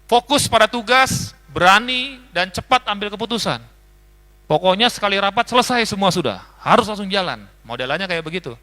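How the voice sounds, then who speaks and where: Male pastor, seminar teacher, high bright voice, lively, addresses the audience. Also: a little fast. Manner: lively, lists traits, often asks the audience.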